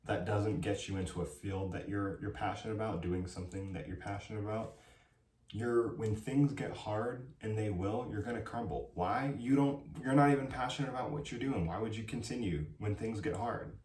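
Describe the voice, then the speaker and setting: A man's voice: on the low side, normal speed, a little mellow, echoey room, far from the mic, a little hiss or hum. A young man who is a college student giving emphatic, preachy advice in a casual vlog, often asking "right?". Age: young adult. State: dry throat.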